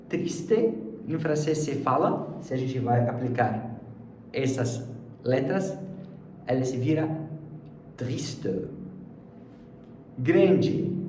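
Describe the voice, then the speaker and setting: A man teaching a language lesson as a French teacher, speaking slowly and deliberately and repeating words for the learner. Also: fairly high pitch, a little mellow. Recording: echoey room, distant mic, faint background noise.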